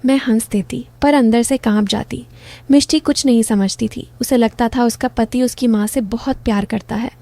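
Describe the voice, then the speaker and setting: A woman's voice: fairly high pitch, fairly even intonation, normal speed, dark tone. A middle-aged woman narrating a first-person story in a confiding, intimate manner.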